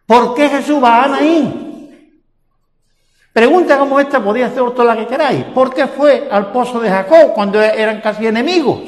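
An older man with a Spanish accent from Spain, preaching a sermon and asking repeated rhetorical questions. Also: very high-pitched. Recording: echoey hall with long reverb.

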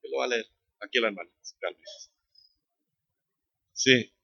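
A man preaching a sermon, animated and conversational, rising loud on key phrases and addressing the congregation directly. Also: medium pitch, unhurried, creaky, no echo, lo-fi sound.

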